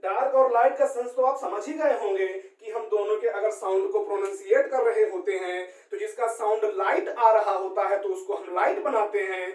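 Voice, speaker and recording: A male shorthand teacher from India explains strokes step by step. He keeps checking in with listeners, repeats key points and spells out letters slowly. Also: high-pitched. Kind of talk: classroom-style explanation. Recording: roomy sound from a distant mic.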